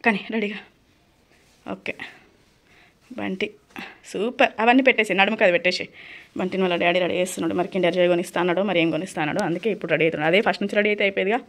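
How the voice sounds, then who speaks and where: A woman's voice: steady tone, fast talker, pauses often. Mother. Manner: coaxing and bustling, rising to a loud high pitch when hurrying the kids. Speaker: mother and vlogger. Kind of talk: casual family vlog.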